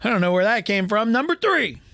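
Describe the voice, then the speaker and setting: A man's voice: high voice, sing-song, a little fast, sharp tone, no echo. A man in his thirties co-hosting a casual podcast, laughing often and swearing while bantering over a ranked list. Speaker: podcast co-host. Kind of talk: casual chat.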